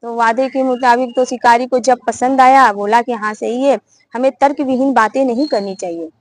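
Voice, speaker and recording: A woman's voice: a little high, steady tone, moderate pace, rough recording. A woman narrating a moral fable in a plain, repetitive retelling style. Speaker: storyteller. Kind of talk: storytelling narration.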